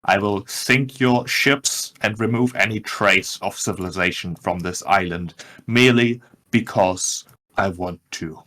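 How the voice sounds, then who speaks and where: A man voicing an arrogant, vengeful dragon in a tabletop game, with a deep voice and slow, pompous, menacing delivery. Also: sharp tone. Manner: slow, deliberate, pompous threats.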